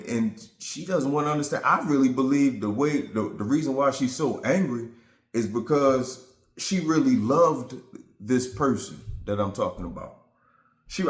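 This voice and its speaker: A man's voice: mid-range voice, echoey room. A man vlogging to his viewers, talking through a relationship hurt in a reflective, rambling, earnest way. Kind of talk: casual vent to camera.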